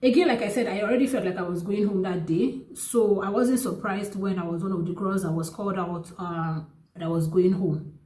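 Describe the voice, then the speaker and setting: A young woman with a Nigerian accent, telling a personal story to the camera in an earnest, animated way, restarting often and jumping up in pitch for emphasis. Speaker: vlogger. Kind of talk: casual storytelling. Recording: echoey room.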